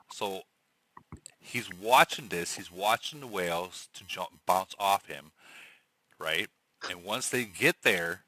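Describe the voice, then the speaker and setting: A man with a low, bright and forceful voice hosts a casual game stream. He breaks down plays step by step and gets excitable as he goes. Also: low-quality recording. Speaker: streamer host.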